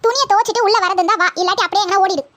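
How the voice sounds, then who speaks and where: A bossy old mother-in-law, played by someone in a comedy skit with a shrill, very high voice. She nags and rattles off her complaints at a rapid clip. The sound is close and dry. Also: fairly bright tone, no echo. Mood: scolding.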